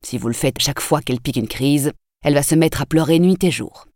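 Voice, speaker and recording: A woman reading the lines of a strict doctor father who lectures in a matter-of-fact way, with a low voice. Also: fairly quick, darkish tone, dry recording, studio quality, close to an everyday voice. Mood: lecturing.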